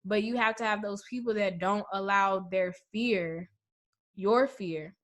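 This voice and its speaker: Podcast guest, female, mid-pitched, emphatic and passionate. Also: measured pace, a bit bright. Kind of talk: casual conversation.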